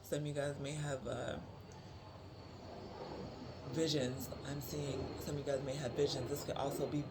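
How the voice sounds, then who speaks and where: A spiritual card reader giving a channeled reading to viewers, repeating phrases for emphasis, with many pauses and fillers. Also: medium pitch, little pitch movement, background noise. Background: music.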